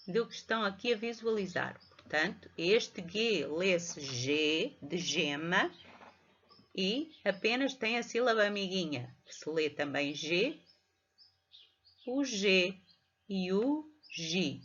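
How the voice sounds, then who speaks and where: A middle-aged primary school teacher with a European Portuguese accent teaches young children a reading lesson, patiently spelling out syllables. Her voice is medium-pitched and a bit bright, heard in a dull lo-fi home recording.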